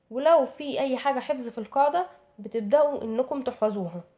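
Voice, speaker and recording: Fast-talking Egyptian woman giving study tips. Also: high voice, darkish tone. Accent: Egyptian Arabic. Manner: chatty, answers her own rhetorical questions. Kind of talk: casual advice talk to viewers.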